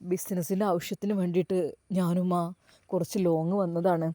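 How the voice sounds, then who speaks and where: A woman voicing a young man in jail, speaking haltingly. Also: fairly low pitch, level tone, dark tone, no echo, clean studio sound, pitched below the performer's own voice, close to an everyday voice. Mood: subdued. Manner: halting, hesitant.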